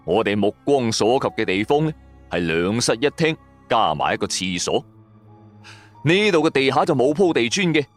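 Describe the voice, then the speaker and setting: A man with a Cantonese accent and a mid-range voice narrates a story in a scripted style that is expressive, colloquial and dramatic.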